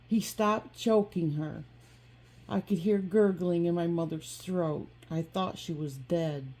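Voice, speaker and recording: Woman, personal memoir narrator, unhurried, somber, warm low voice. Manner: slow, soft and somber, with occasional restarts. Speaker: personal storyteller.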